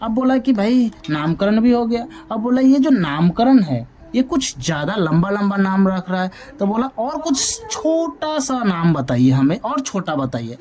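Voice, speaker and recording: A man's voice: high voice, big pitch swings, measured pace, few pauses, darkish tone. A male math teacher giving a classroom lecture, often asking a question and then answering it himself. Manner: drills points by asking and answering his own questions.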